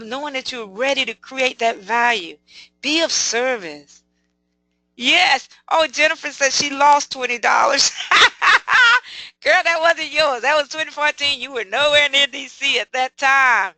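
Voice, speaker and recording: A woman's voice: high-pitched, sharp tone, dry recording. A woman giving a live motivational talk, speaking emphatically and asking her audience many rhetorical questions.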